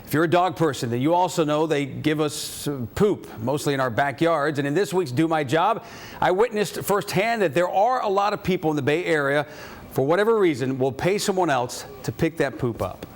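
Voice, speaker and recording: A man's voice: on the high side, normal speed. A man narrating a news feature as the segment's reporter and host, with a light, playful delivery.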